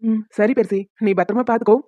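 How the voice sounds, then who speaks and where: A woman voicing a young caring father who talks quickly and earnestly and soothes his baby. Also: on the high side, fairly even intonation, warm tone, no echo, lightly acted. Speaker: cartoon voice actor. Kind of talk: homemade cartoon dubbing.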